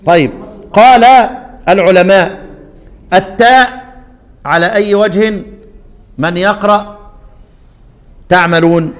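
A man with an Egyptian accent teaches Quran reading variants, his voice pitched high. He quizzes his students and chants the verses slowly. The sound rings with a long hall reverb. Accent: Egyptian Arabic.

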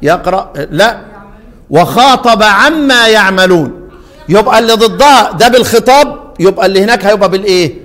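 A man with an Egyptian accent teaching a lesson on Quran readings, quizzing his students and chanting verses slowly. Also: high-pitched, big-room sound. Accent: Egyptian Arabic.

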